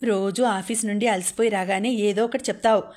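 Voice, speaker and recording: A weary, irritable middle-aged husband in an audiobook, home tired from work, as a woman narrator voices him. He speaks in a flat, even voice. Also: mid-range voice, a little fast, close to an everyday voice. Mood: irritated.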